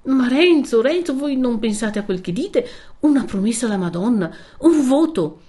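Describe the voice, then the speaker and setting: A woman's voice: fairly high pitch, lively intonation, moderate pace, dark tone, pitched above the performer's own voice, natural voice. A woman voicing a frail, devout young woman who speaks tremulously and anxiously in a storybook reading. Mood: distressed.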